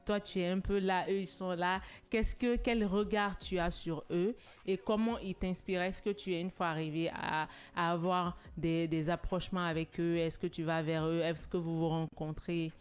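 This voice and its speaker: A woman co-hosting a studio talk show, speaking in an earnest, motivational way and growing animated when telling anecdotes. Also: on the low side, normal speed, few pauses, smooth, faint music behind. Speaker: TV show co-host.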